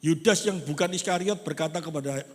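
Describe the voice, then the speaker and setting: A man preaching a sermon, lively and conversational, acting out quotes. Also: a little high, fairly quick. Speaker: pastor. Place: large church hall. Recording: long church hall reverb.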